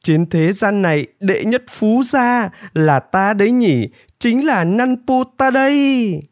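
A greedy, boastful storybook man, whining and crowing in a high, shrill sing-song that leaps all over the place, as a male narrator puts him on. The sound is dry and close, with no room around it. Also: sing-song, slow pace, dry recording. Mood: gloating. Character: greedy boastful middle-aged man, whiny coward. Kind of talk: storybook character voice.

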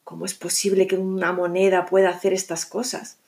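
A woman voicing a puzzled male shopkeeper in a storybook podcast, muttering in a lower, half-whispered voice. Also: flat delivery, a little fast, vocal fry, darkish tone. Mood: bewildered.

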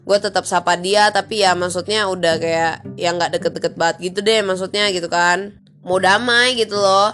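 A woman's voice: lowish voice, steady tone, moderate pace, a bit bright, soft background music. A young woman, telling a story in a chatty, slangy vlog with exasperated venting. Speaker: vlogger.

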